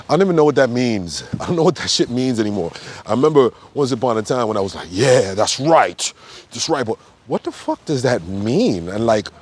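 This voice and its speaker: Rambling without a script, a man who works as a yoga teacher and health coach speaks in a darkish, mid-range voice. His phrasing is loose and repetitive, full of fillers, and he's blunt and profane, with abrupt emphatic bursts.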